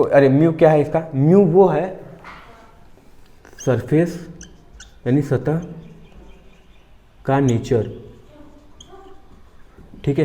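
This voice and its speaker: A man teaches an exam-prep physics lesson in a conversational way, leaning on everyday examples. His voice is mellow and dark, at an ordinary pitch for a man. He keeps pausing to check that his students are following. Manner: conversational, repeatedly checking understanding with the class; explains through everyday examples.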